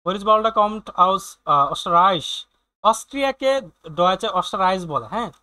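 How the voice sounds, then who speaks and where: A man's voice: high-pitched, animated, moderate pace, sharp tone, smooth, no room sound. A man teaching a German coursebook lesson, translating phrases with frequent hesitant fillers and repetitions. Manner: hesitant, many "ah" fillers, repeats words while translating. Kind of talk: explaining a German coursebook in Bengali.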